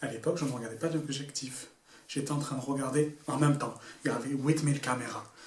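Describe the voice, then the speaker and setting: A man's voice: medium pitch, quick pace. A young man telling a story to camera in a casual, slangy way, full of asides. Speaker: YouTuber. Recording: echoey room, a bit far from the mic, faint noise.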